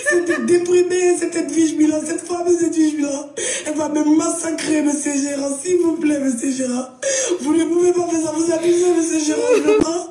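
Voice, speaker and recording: A desperate singer sobs and pleads over and over, put on by a woman telling the story. The voice is high and mellow. It sounds roomy and a little far from the mic. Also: steady tone, normal speed, close to an everyday voice. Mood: wailing. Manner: tearful begging, repeats "monsieur Gérard".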